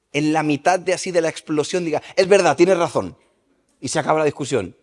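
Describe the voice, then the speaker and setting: A man preaching a sermon at a church service, lively and questioning the congregation. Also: on the high side. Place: church service in a large hall. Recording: reverberant church hall.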